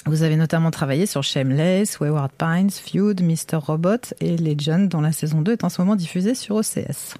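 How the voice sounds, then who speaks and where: A woman hosting a critics' podcast, reading a polished introduction and then interviewing her guests in an articulate, lively way. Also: deep voice, a little fast, hardly any pauses, no room sound. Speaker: podcast host.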